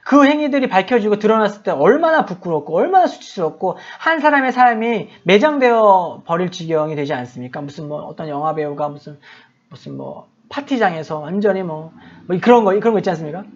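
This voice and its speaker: A man's voice: high-pitched, animated, fairly quick. A middle-aged man preaching a sermon as a pastor and missionary, telling a story in a conversational, self-deprecating way. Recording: dull lo-fi sound.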